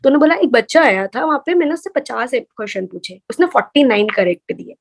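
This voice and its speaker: Lively young woman telling stories. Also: sits high, fast talker, creaky. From India. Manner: lively anecdotal storyteller, acts out others' lines. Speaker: guest, medical resident. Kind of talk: casual interview storytelling.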